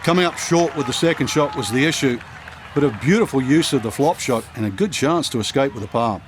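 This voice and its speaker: A man's voice: mid-range voice, fairly quick, a faint crowd, a little hiss or hum, natural voice. A man acting as an easygoing golf analyst, giving conversational, explanatory commentary.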